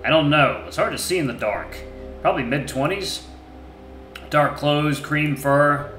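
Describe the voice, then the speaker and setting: A man pushes his voice up to play a crude, bad-tempered male wolf under questioning, grumbling out blunt, clipped answers laced with swearing. The pitch is fairly high, the pace measured, and the tone fairly bright, recorded in an echoey room with faint music.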